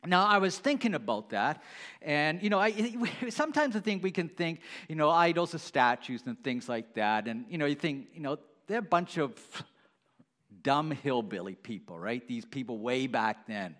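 Male pastor, sermon delivery, animated pitch, chatty, asks the room questions. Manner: conversational, asks the congregation questions, halting restarts.

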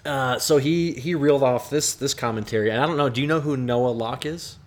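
A man hosting a podcast over a video call, talking casually with lots of restarts and chuckles. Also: mid-range voice. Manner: halting, many restarts, chuckling. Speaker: podcast host.

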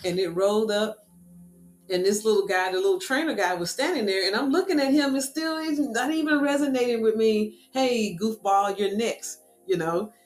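A woman casually telling a personal story in a lively, animated way, with quick asides. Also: a little high. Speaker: speaker sharing a personal story. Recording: echoey room with faint music.

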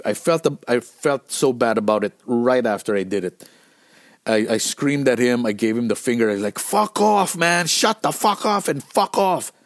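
A middle-aged man from the Philippines, hosting a podcast and telling road stories in a casual, animated, profane way with lots of fillers. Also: lowish voice. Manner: profane, animated storytelling with many fillers and restarts. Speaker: podcast host.

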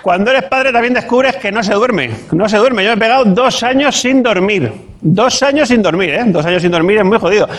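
A man's voice: high voice, a little fast, some chatter behind, slight background noise. A man, doing a punchy stand-up monologue and acting out the voices he quotes. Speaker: stand-up comedian.

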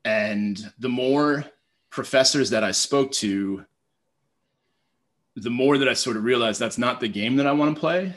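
A man in his thirties telling stories as a podcast guest, lively and conversational, acting out his own thoughts with lots of "like". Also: mid-range voice, measured pace. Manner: animated, storytelling, acts out quoted thoughts, heavy use of "like". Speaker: podcast guest, public speaking teacher. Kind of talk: casual conversational interview.

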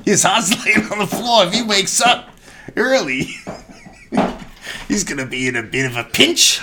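A man voicing a boastful male farrier and barman in a put-on Cockney accent, high above his own voice. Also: lively intonation, slow, background noise, heavily acted. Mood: jolly. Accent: attempted Cockney.

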